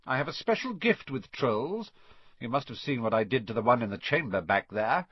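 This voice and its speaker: A man's voice: medium pitch, lively intonation, normal speed, husky, no room sound. Quirrell, a man voicing a menacing wizard. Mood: gloating. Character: scheming male wizard teacher, cold and servile. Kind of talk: audiobook character reading. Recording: dull lo-fi dry recording.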